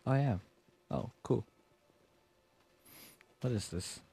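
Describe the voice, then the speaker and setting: Over game music, this virtual YouTuber and game streamer, a young man, gives relaxed, chatty live commentary while thinking out loud. His mid-range voice is mellow with vocal fry, and he takes his time. There's slight background noise.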